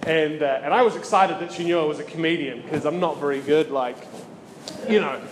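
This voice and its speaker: A man's voice: a little high, fairly quick. Man, 30s, New Zealand accent, stand-up comic, self-deprecating banter, echoey club, crowd noise. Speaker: stand-up comedian. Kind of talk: stand-up comedy set. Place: comedy club stage.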